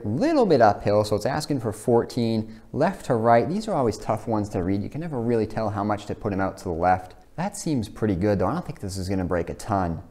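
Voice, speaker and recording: A young man hosts a casual golf series. He narrates his own play in an informal way, in an average-pitched voice. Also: darkish tone. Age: young adult. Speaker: host of a simulator golf series.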